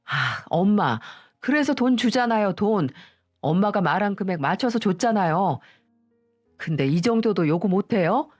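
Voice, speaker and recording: A woman's voice: medium pitch, animated, normal speed, darkish tone, dry recording, close to an everyday voice. An irritable, ungrateful grown son snaps and whines at his mother, voiced by a woman storyteller. His complaints come out impatient and petulant. The voice sits dry and close, with faint music underneath. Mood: irritated. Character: rude irritable adult son, lazy and ungrateful.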